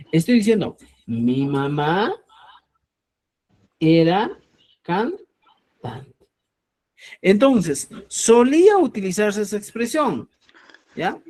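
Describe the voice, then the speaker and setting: A Quechua teacher gives a grammar lesson, explaining slowly step by step and checking in often with a frequent "¿ya?" He calls his listeners "estimados amigos." His voice sits high with a darkish tone.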